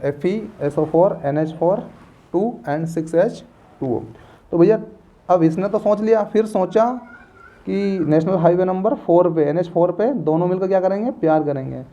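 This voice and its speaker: A man's voice: on the high side, mellow. Playful man teaching. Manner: playful, repeats and quizzes students. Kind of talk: classroom lecture with memory tricks. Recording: dull lo-fi recording.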